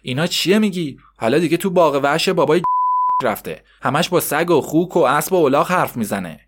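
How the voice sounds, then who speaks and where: A man's voice: on the high side, close to an everyday voice. Man doing a cursing, nagging mother. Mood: irritated. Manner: cursing, nagging, sharp-tongued. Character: scolding, short-tempered poor woman, mother.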